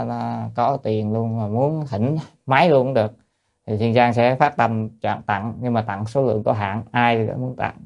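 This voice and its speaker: Gravelly-voiced man giving a Buddhist lecture. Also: fairly low pitch, darkish tone. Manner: chants Sino-Vietnamese text slowly, then explains plainly; loose, hesitant, with many fillers. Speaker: Buddhist monk teacher. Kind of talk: sutra lecture.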